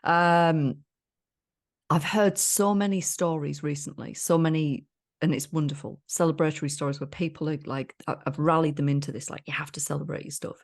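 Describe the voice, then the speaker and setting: A woman's voice: low-pitched, steady tone, normal speed, gravelly. A woman co-hosting a podcast, chatting in a jokey, enthusiastic way. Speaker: podcast co-host. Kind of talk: casual chat.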